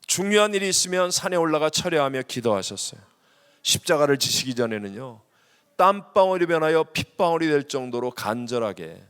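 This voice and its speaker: A middle-aged man preaching a sermon as senior pastor, lively and acting out prayers, with swings between loud and hushed. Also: on the high side, brisk, clear, resonant tone. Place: large church sanctuary. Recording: long hall reverb.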